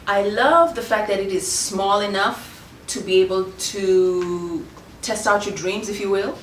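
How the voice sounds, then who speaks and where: A woman, a shop owner answering interview questions in a measured way with many pauses. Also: mid-range voice, roomy sound, far from the mic, a little hiss or hum. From Kenya. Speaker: boutique owner. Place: her clothing shop.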